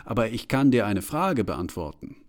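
A man's voice: fairly low pitch, sing-song, moderate pace, darkish tone. A man voicing a mysterious stranger who hides in a shaft and whispers to the narrator. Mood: secretive. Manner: whispering, secretive.

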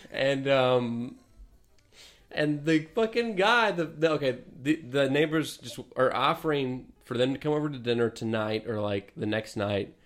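Brief: male podcast co-host, animated storyteller, salty language. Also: medium pitch, unhurried. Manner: animated storytelling, swearing, laughing mid-story. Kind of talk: casual chat.

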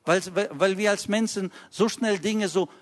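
A man's voice: sits high, measured pace. A man preaching a sermon in an earnest, admonishing way, stressing short blunt phrases. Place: church service.

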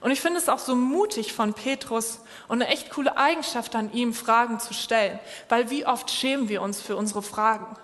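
A woman's voice: fairly high pitch, moderate pace, few pauses, fairly bright tone. A woman preaching a sermon and speaking straight to her listeners, urging them on. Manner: direct, encouraging address to listeners. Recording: long hall reverb.

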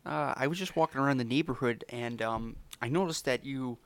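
A chatty, halting Canadian neighbor, put on by a man in a comedy podcast bit. He hems and stalls with ums and tags his lines with eh. His friendliness is a little awkward. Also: mid-range voice, no echo, natural voice. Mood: friendly hesitant. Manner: hesitant, full of ums, says eh.

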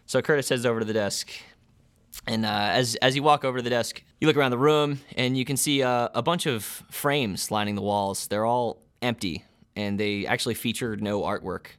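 A man narrating a tabletop game as game master, unhurried and descriptive. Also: medium pitch, fairly bright tone, clean tone.

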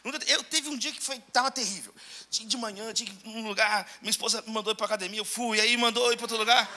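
A middle-aged man with a Brazilian Portuguese accent, a pastor preaching a lively sermon full of humorous stories and calls to the congregation. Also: sits high, rapid-fire. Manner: animated, storytelling, calls out to the congregation.

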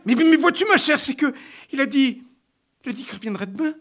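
A man's voice: very high voice, lively intonation, fast, a bit bright, husky, pitched above the performer's own voice, exaggerated voice. A man reading aloud and voicing a panicked young baroness who stammers and pleads. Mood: anxious. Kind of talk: audiobook reading.

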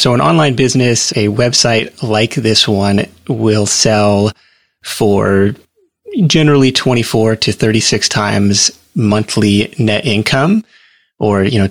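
A man speaking as a guest in a casual interview, telling his story in a relaxed, rambling way with plenty of fillers. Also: on the low side, gravelly, no room sound, clean studio sound.

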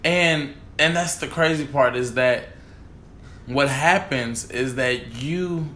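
A man's voice: medium pitch, slow, pushed and bright, a little hiss or hum. A man in casual podcast chat, telling stories in an emphatic, rambling way. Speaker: podcast co-host. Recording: echoey room.

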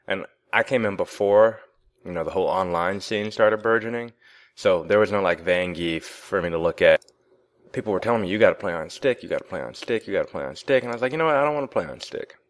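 Male co-host, very deep voice, laid-back and talkative. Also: quick pace. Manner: relaxed, talkative storytelling. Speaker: podcast co-host. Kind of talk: casual interview chat.

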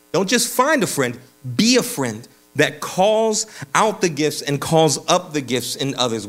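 In a church sanctuary, a high-pitched male pastor preaches a sermon in a casual, energetic style. He uses slang and frequently restarts his sentences.

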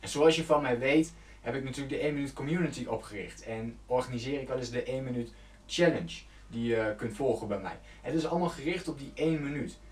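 A man's voice: mid-range voice, fast talker, a little mellow, far from the mic. Man coaching in a roomy space. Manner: earnest, coaching, addresses the viewer directly; loose and conversational, with fillers and self-corrections. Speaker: self-help coach. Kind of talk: motivational talk to camera.

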